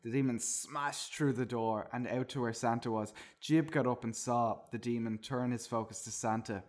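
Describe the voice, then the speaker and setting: A man's voice: mid-range voice, fairly even intonation, normal speed, a little mellow. A man reading a comic story aloud, slipping into silly voices and often laughing. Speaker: reader of a comedy story.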